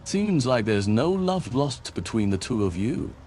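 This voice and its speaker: An actor playing a steady, curious heroic adventurer in video game dialogue. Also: male voice, medium pitch, a little slow, faint music behind. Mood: calm, firm.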